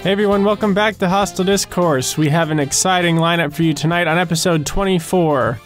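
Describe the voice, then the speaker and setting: An American man hosting a panel discussion podcast. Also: a little high. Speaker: podcast host.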